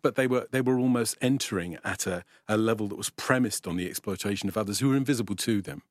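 Older man, low thoughtful voice. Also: no room sound, studio quality. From England. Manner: thoughtful, halting, restarts mid-phrase. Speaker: guest professor. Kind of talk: reflective conversational interview.

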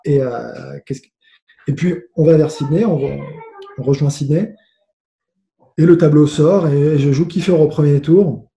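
A man with a very dark, mellow voice tells his story in a relaxed, animated way, full of restarts and swearing. The room around him is echoey, the sound of a remote call. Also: a little high, measured pace. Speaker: guest, former tennis player. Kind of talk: casual storytelling. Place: home with noise nearby. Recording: roomy echo.

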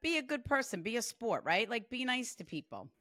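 A woman's voice: on the high side, a little fast, dry recording, clean studio sound. A woman in her forties working as a psychic medium, talking chattily with lots of "like" through a reading. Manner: chatty, animated, peppered with "like". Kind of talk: spirit reading session.

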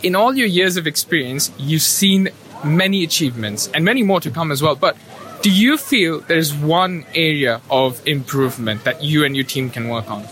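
A man with a bright, forceful voice asks an executive questions. He sits slightly higher in pitch than most men. He is courteous and flattering in his questions. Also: normal speed. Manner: polite and complimentary. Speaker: interviewer. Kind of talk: interview questions.

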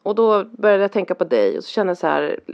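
A middle-aged woman, a parent, chatting casually and rambling through a story, acting out the lines people said. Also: mid-range voice. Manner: rambling, animated, acts out quoted lines. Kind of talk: casual chat. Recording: dull lo-fi sound.

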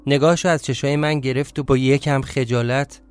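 A man's voice: mid-range voice, steady tone, clean tone, faint music behind. Man narrating a first-person story. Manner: confiding, breaks into flustered outbursts. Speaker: narrator and reader.

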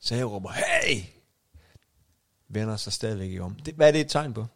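A man's voice: lowish voice, animated. A man co-hosting a podcast, telling a long story in casual chat with lots of fillers and restarts. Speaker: podcast co-host.

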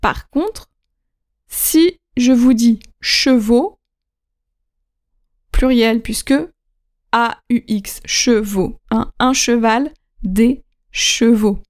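A woman hosting a language-learning podcast, teaching pronunciation slowly and clearly, repeating key points and checking in with the listener. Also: fairly high pitch. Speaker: podcast host and French teacher. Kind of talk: slow, clear teaching talk.

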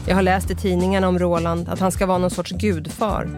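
A woman's voice: fairly low pitch, little pitch movement, music in the background, natural voice. A reader voicing a polite, chatty middle-aged woman shop owner. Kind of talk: audiobook character voice.

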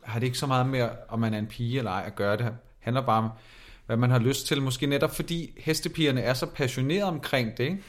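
A man in casual podcast chat, co-hosting in a playful, teasing way. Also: medium pitch. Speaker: podcast co-host.

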